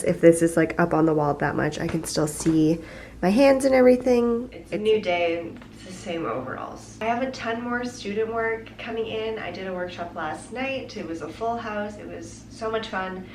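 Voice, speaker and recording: A woman's voice: on the low side, echoey room, noisy background. A woman vlogging from her pottery studio, casually thinking aloud with lots of fillers. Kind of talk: casual vlog narration.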